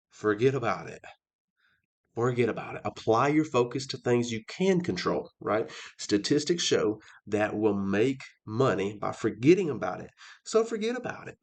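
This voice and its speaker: A man teaching a lesson on investing as a financial coach, energetic and conversational, often checking in with his listeners. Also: lowish voice. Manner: energetic, conversational, frequent "okay?" check-ins. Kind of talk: lecture on investing.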